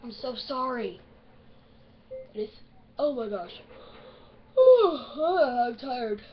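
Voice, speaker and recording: A woman with the hiccups giving rambling, excitable let's-play commentary on a strategy game. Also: a little high, measured pace, muffled recording, a little hiss or hum. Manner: chatty, easily excited, rambling. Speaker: gaming video host.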